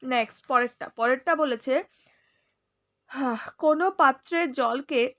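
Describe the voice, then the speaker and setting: A high-pitched woman with a Bengali accent, a little under the weather, speaking softly as she teaches a science class. She reads questions out, then works through them step by step and asks students whether they follow. The recording sounds dull and lo-fi. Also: slow. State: slightly unwell, speaking softly. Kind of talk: explaining a science lesson.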